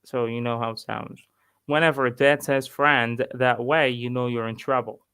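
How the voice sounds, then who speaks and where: A man with an Egyptian accent, an English teacher reading a book aloud and pausing to explain words. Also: medium pitch, steady tone, a bit bright, smooth, no echo. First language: Arabic. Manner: slow, pausing to explain vocabulary.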